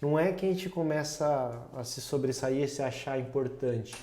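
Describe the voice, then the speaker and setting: A man's voice: mid-range voice, normal speed, dark tone. A man in a casual podcast conversation, telling reflective stories and often laughing at himself. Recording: roomy echo.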